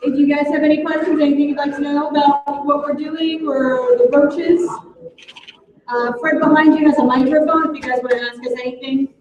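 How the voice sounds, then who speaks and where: A high-pitched woman explains things to visitors at a science center, patient and full of little ums. She sounds set back from the mic in a very echoey indoor space, and the sound is a bit dull. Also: fairly even intonation, fairly quick, a little mellow, distant mic. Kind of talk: live explanatory talk.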